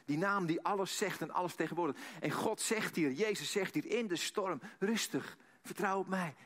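A man preaching a sermon, swinging between hushed, near-whispered passages and emphatic lines, repeating phrases for emphasis. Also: sits high, normal speed.

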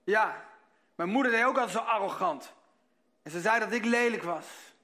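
A man doing a shrill, scolding old woman. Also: normal speed, sharp tone. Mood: bitter.

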